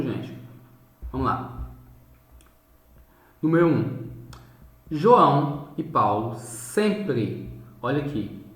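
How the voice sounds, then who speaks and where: A man's voice: a little high, a bit bright, roomy sound. A man teaching in a recorded video lesson, working through exercises step by step and often checking in with his viewers. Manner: explanatory, repeats "tá?" and "gente" to check in.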